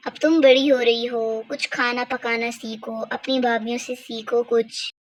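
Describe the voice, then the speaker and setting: A woman's voice: a little high, flat delivery, unhurried. A woman voicing a strict, worried mother in a doll-play story, lecturing her daughter firmly. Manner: lecturing, firm.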